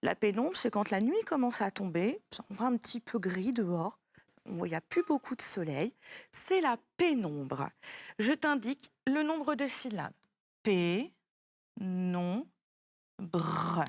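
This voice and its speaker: A woman's voice: on the high side, very animated, normal speed. A woman teaching a child French spelling, patiently spelling words out letter by letter.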